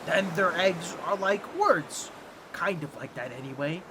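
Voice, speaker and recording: With background noise behind him, a man voices a boastful, excitable talking octopus for a comedic audio roleplay. His high, nasal, squawky voice moves a little slowly, and he addresses the listener in a fussy, pompous, theatrical manner. He sounds insistent as he explains.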